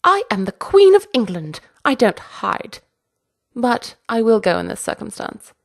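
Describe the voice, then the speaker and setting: A woman's voice: fairly high pitch, very animated, measured pace, gravelly, voice pushed up, exaggerated voice. Woman doing a haughty old Queen. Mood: imperious. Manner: haughty, barking orders. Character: imperious elderly Queen, haughty and commanding.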